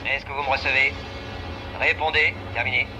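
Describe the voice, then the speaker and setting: An actor playing an air force headquarters operator, heard as a radio transmission, making a formal military radio call in a dubbed 1960s series. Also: male voice, medium pitch, fairly even intonation, moderate pace, music in the background. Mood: urgent.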